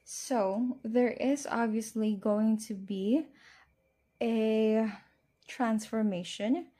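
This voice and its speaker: A woman's voice: mid-range voice, mellow. A woman giving a casual tarot reading, speaking to the listener as a fortune teller. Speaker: tarot card reader.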